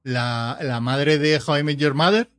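A man's voice: a little high, a little slow, a bit bright, soft background music. A man co-hosting a podcast, chatting casually and steering the talk with short prompts. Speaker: podcast co-host. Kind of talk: casual chat.

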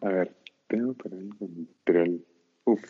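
Over a tinny, phone-like line, a young Chilean man talks casually and spins stories in a slangy, chatty way. His voice is low-pitched, a little slow, with a breathy edge.

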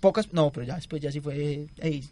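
A man's voice: fairly high pitch, normal speed, dark tone. A young man telling a long, rambling story in casual chat and acting out the quotes. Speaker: guest storyteller.

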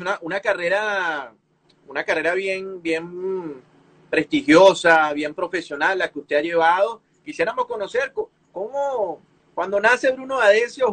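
A man's voice: high-pitched, a bit bright. A man hosting an interview in a jovial, chatty, teasing way. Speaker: interview host. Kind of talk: casual interview.

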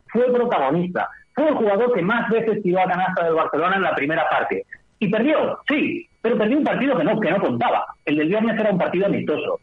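A man, a basketball commentator heard over a telephone line, analysing a game in long, fluent runs with rhetorical questions. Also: high-pitched. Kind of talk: sports analysis over the phone on radio. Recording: tinny phone line.

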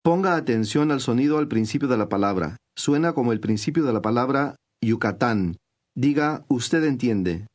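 Brief: male course narrator, patient scripted teacher delivery, mid pitch. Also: lively intonation, normal speed, a little mellow. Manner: clear, patient teacher's instructions.

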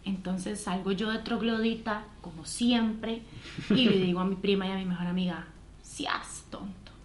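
Tica woman telling a story animated and slangy, echoey room. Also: mid-range voice, normal speed, a little hiss or hum. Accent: Costa Rican. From Costa Rica. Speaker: podcast co-host. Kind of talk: casual storytelling chat.

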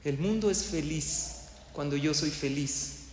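A man's voice: on the high side, unhurried, slight background noise. A man giving a sermon to a live audience as a rabbi, telling stories and asking his listeners questions. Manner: storytelling, asks the audience questions. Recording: echoey hall with faint ambience.

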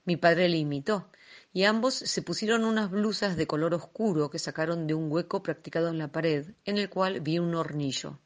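A woman reading a classic tale aloud in a measured, expressive storytelling manner. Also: fairly low pitch. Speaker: reader.

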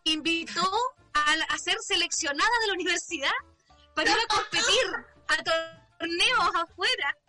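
A Chilean woman, a podcast guest, telling a story in animated, swearing casual chat and acting out the voices. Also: extremely high pitch, moderate pace, faint music behind.

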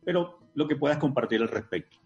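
A Venezuelan man hosting an interview and asking measured, courteous questions. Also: medium pitch, lively intonation, gravelly, darkish tone, highs cut off, faint music behind. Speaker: host.

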